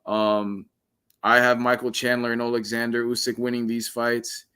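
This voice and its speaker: A man with a bright, clear voice who stays calm and even while arguing sports picks on a podcast. He makes his points at a steady pace, and his partner calls his delivery monotone. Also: mid-range voice, moderate pace. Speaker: podcast co-host. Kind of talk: sports debate.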